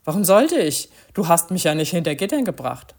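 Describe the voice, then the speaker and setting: A woman voicing a gray, wrinkled ex-convict with a rough, raspy voice, read as a storybook character. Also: fairly low pitch, sing-song, brisk, a little mellow. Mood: amused. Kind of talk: storybook reading.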